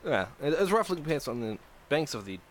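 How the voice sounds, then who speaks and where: A man's voice: fairly high pitch, sing-song, fairly quick, a little hiss or hum. A young man hosting a livestream, chatting casually and rambling with lots of swearing and restarts. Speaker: livestream host designing a game mod.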